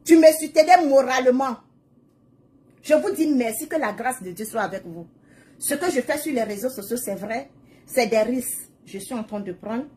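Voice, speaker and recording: A woman's voice: a little high, expressive, moderate pace, a little mellow. A woman talking to her followers in a live video, emphatic and repetitive, drifting into prayerful preaching. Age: adult, mother of children. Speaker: social media livestreamer. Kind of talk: casual live video monologue.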